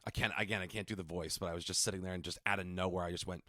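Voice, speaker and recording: A man on a comedy podcast, trading deadpan jabs with his co-host. His voice sits low but rings bright, and it moves around a lot in pitch. The recording is dry and close. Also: racing, dry recording. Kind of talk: casual comedy chat.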